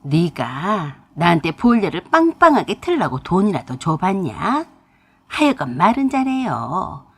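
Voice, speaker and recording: Woman doing old mother, angry, harsh slow scolding, husky voice, radio-story reading. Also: lowish voice, big pitch swings, pitched below the performer's own voice, full character voice. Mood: furious scolding. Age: older. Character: bitter scolding old mother, widowed and lonely.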